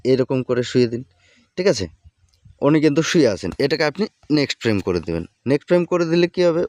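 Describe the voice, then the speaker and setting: A tutorial host walks through an app step by step in a casual way, checking in often as he gives instructions. His mid-range voice is a little mellow, and the recording has no echo.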